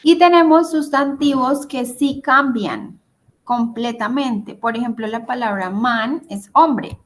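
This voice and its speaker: A woman teacher with a fairly high voice leads an online grammar lesson. She speaks slowly and deliberately, laying out each step and checking in often with her students. The sound is a plain computer mic on a video call. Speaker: English teacher.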